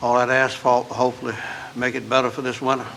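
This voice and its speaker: A man's voice: medium pitch, flat delivery, quick pace, vocal fry, a bit bright, slight background noise, rough recording. A man chairing a county board meeting in an easygoing, polite way.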